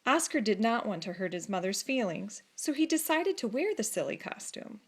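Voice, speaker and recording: A woman narrating a children's story expressively, with deliberate phrasing and dramatic pauses. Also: medium pitch, big pitch swings, slightly rough. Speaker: storybook reader.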